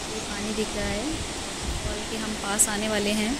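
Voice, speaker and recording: Walking a mountain trail beside a waterfall, a travel vlogger cheerfully points out the scenery to her audience. Her voice sits at a medium pitch with a completely flat delivery. The phone recording picks up the noise of rushing water around her.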